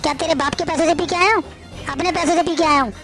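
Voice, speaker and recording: A woman's voice: very high-pitched, fairly even intonation, quick pace, over music. A woman voicing a drunk, short-tempered young husband who scolds harshly. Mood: angry.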